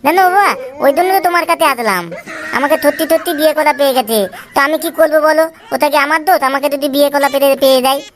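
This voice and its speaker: A woman's voice: high-pitched, rapid-fire, lightly acted. A woman voicing a childish, whiny boy who wants to get married, in a cartoon. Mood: chatty. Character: whiny boy eager to marry. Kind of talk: Tweencraft cartoon voice acting.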